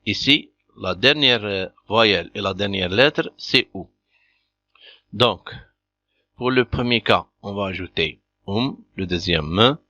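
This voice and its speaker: In a beginner language lesson, a man works patiently and methodically through one example after another, repeating them. His lowish voice sounds bright and forceful, and the recording is dull, lo-fi and dry.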